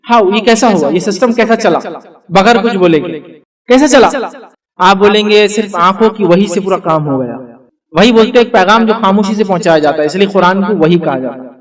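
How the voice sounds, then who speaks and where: A man addresses an audience in an earnest, questioning way, slipping English words into his speech. His voice sits high for a man. The mic is a little too far from him. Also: fairly quick, a crowd in the background. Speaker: Islamic speaker giving a parenting talk.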